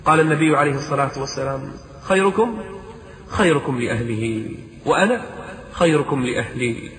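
A man's voice: medium pitch, lively intonation, a little fast, fairly bright tone. A man preaching a sermon, fervent and pleading, asking rhetorical questions and chanting verses in a sung tone. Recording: echoey hall.

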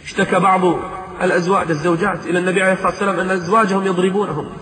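A man's voice: high-pitched, little pitch movement, rapid-fire, a crowd in the background. A man preaching a sermon, fervent and pleading, asking rhetorical questions and chanting verses in a sung tone. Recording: echoey hall.

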